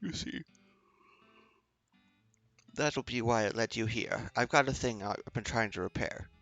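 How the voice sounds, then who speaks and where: A man's voice: medium pitch, measured pace, a bit bright, no room sound, soft background music. A man reading an eager eccentric professor. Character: eccentric male professor inventor, eager tinkerer.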